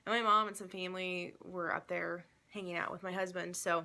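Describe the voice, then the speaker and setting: A woman's voice: fairly low pitch, fairly even intonation, a little fast, pushed and bright. A young woman vlogging from home, talking casually and rambling a little, with many ums and restarts, somewhat out of breath. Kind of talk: casual chat.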